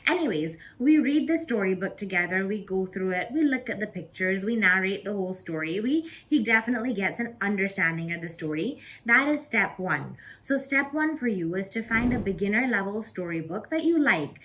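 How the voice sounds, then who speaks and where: A woman's voice: mid-range voice, animated, fairly quick, few pauses, fairly bright tone. A woman in her thirties hosting a casual to-camera tutorial, chatting directly to her viewers. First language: English. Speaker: channel host teaching English.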